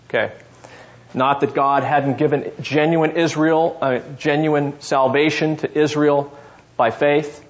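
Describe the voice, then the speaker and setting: A seminary professor gives a classroom lecture on scripture, explaining things step by step and frequently checking in with his listeners. His voice is medium-pitched, with the high frequencies cut off.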